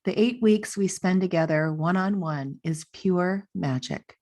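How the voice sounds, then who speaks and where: A woman in her forties hosts a podcast from her living room over a video call, using a boom-arm studio mic and earbuds. Her voice is lowish, dark and unhurried, and she moves from a scripted promo into upbeat, gushing interview chat peppered with "you know."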